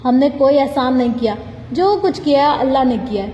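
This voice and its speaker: Woman narrator reading a gentle young woman friend, reassuring and soothing, mellow tone, echoey room. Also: high-pitched, animated, muffled recording, a little hiss or hum. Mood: consoling. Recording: echoey room with long reverb.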